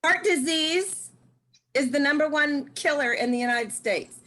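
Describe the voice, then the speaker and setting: A woman in her sixties giving a casual, lively testimonial, laughing often. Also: high voice, a little slow, low-quality recording. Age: 60s. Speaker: guest speaker.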